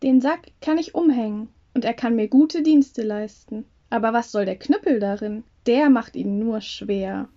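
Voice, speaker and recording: A confident young male craftsman speaks up earnestly and a little grandly, as a woman reading a fairy tale puts him on. The voice is mellow and sits somewhat high. The recording sounds dull and lo-fi. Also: a little slow, few pauses.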